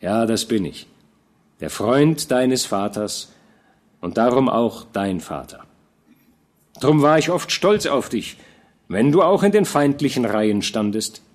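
Man voicing an old army commander, fatherly, warm, measured, lively intonation, storybook reading. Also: mid-range voice. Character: veteran male army commander, fatherly and kind. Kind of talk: audiobook character reading.

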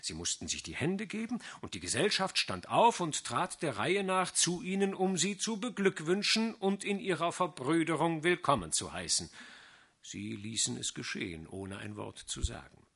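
Husky, expressive male audiobook narrator. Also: a little high. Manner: expressive, measured storytelling. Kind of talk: scripted literary narration.

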